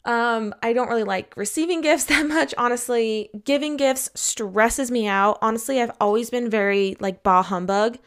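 A woman's voice: on the high side, moderate pace, hardly any pauses, fairly bright tone, clean tone. A woman talking casually and candidly in an upbeat advice vlog, emphatic and chatty, laying out her points in an organized way. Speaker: advice vlogger.

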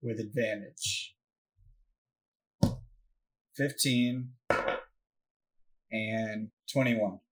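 A man's voice: fairly low pitch, steady tone, drawn-out words, pauses often. Man at a tabletop game, plain voice. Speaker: player. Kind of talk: casual game table chat.

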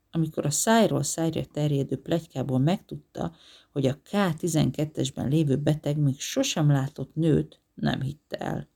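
A man reading a novel aloud as an audiobook narrator, measured and even. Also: on the high side, vocal fry. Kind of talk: scripted narration.

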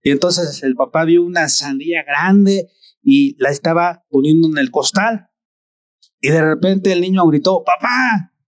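Un predicador con acento mexicano que da un sermón de forma lenta, deliberada y enfática. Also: male voice, a little high, no room sound, studio quality. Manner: slow, deliberate, emphatic preaching. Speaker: preacher. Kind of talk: sermon.

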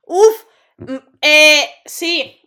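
Una mujer con acento de España, copresentadora de un pódcast, en charla informal; habla sin rodeos, con exclamaciones y algún taco. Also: female voice, sits high, lively intonation, extremely slow, bright, forceful tone. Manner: blunt, exclamatory, swears casually. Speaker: podcast co-host. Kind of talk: casual chat.

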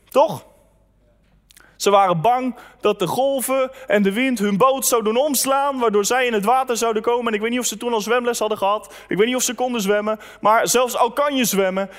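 A man's voice: high-pitched, in a large hall. A man preaching a casual, conversational sermon and reading scripture aloud to his congregation. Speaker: pastor.

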